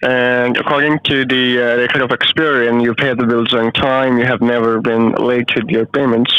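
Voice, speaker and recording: A man with an Indian accent reading a scripted sales pitch over the phone, hesitant and repeating words when pressed. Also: flat delivery, normal speed, clear, resonant tone. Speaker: scam caller. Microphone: phone call. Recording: dull phone-line audio.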